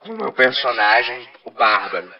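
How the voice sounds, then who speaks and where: A man's voice: medium pitch, normal speed, muffled recording. A Brazilian man co-hosting a podcast with a half-robotic voice filter, bantering playfully and pretending to be a machine. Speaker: podcast co-host. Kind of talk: casual jokey banter. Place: podcast studio.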